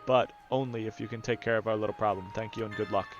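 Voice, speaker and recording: A man's voice: fairly low pitch, fairly even intonation, quick pace, dull audio, lightly acted. A man voicing a polite male botanical researcher, reading the game text aloud in a courteous manner. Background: game music.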